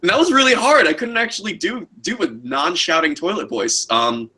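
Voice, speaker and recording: Bright husky young man chatting. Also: high voice, expressive, a little fast. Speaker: co-host, voice actor. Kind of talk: casual livestream chat.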